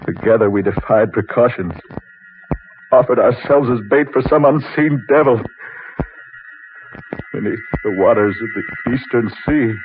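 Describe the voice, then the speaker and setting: An intense, anxious reporter at sea, acted by a man in an old-time radio drama. His insistent voice comes through a thin AM radio band with clear hiss and noise behind it. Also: medium pitch, unhurried, pauses often, natural voice. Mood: weary, haunted. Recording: tinny, noisy old AM radio recording.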